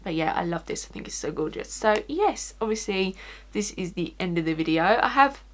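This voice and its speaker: A woman with an Essex accent chats through a makeup tutorial in a casual, informal way. Her voice sits at a medium pitch. She talks like a beauty vlogger, loosely and conversationally, peppering her sentences with "like". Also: expressive, moderate pace. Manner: informal, chatty, frequent "like".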